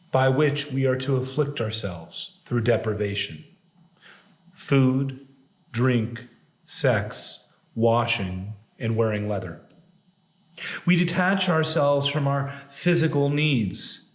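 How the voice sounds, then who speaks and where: A man delivering a reflective sermon in a measured manner, opening with a story. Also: medium pitch. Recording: roomy echo.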